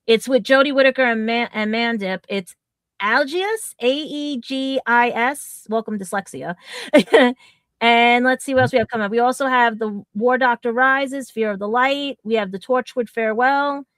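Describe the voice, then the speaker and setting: A woman with a fairly high voice chats on a casual podcast over a video call. She rambles and laughs easily, tripping over names. The sound is dry and close. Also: fairly even intonation, normal speed, a bit bright, no echo. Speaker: podcast co-host.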